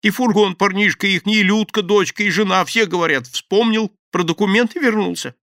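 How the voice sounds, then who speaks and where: A man's voice: on the high side, big pitch swings, moderate pace, creaky, a bit bright, no echo, studio quality, pitched above the performer's own voice, full character voice. Man putting on a terrified babbling thief. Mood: pleading. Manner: frantic, babbling, begging. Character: terrified pleading petty thief, adult man.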